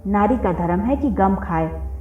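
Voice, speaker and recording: A woman's voice: medium pitch, expressive, unhurried, roomy sound, distant mic, narrow, tinny audio, lightly acted. A woman voicing a preachy, moralizing older village priest who admonishes. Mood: admonishing.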